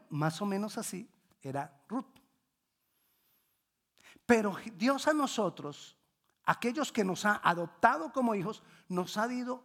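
A Bible class teacher retelling a scripture story, repeating phrases for emphasis, correcting slips mid-sentence and quizzing the class. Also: mid-range voice. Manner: repetitive, emphatic teaching, asks the class questions.

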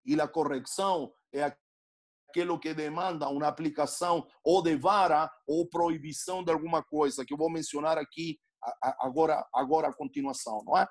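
A man's voice: fairly high pitch, a little fast, vocal fry. A middle-aged man, preaching a sermon in a teaching manner and often checking in with the listener. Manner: teaching, frequent tag questions to the listener. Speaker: pastor.

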